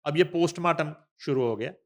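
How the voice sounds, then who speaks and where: Reading a news article on his talk show, this Pakistani-accented host pitches his voice fairly high. He adds chatty asides as he goes, keeping his delivery deliberate and emphatic.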